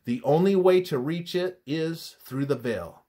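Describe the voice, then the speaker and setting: A slightly high-pitched male voice reads a scripted religious study. The delivery is measured and teacherly, with phrases that frequently trail away softly.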